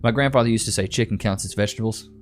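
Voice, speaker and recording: Soft music plays in the background as a young man from Texas hosts a live stream, reading comments and chatting casually. His fairly low voice races along, laid-back and rambling, with repetitions and plenty of "bro."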